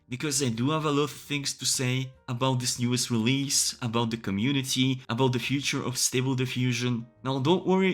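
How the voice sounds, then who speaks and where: A man's voice: mid-range voice, fairly bright tone. A man hosting a casual spoken tech tutorial from a home studio, wry and joking, with a voice that swings up and down as he talks.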